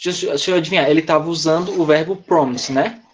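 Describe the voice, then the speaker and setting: A man's voice: fairly high pitch, fast, a little hiss or hum. A male English teacher with a Brazilian Portuguese accent, explaining grammar step by step in an online class over a video call. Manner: patient, explains step by step with frequent "tá?" and "né?".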